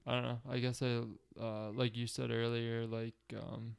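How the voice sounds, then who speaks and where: A man in his twenties co-hosting a podcast, chatting excitably with many fillers. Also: mid-range voice, moderate pace, creaky, clear, resonant tone. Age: 20s. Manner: excitable, filler-heavy talk. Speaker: podcast co-host. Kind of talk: casual chat.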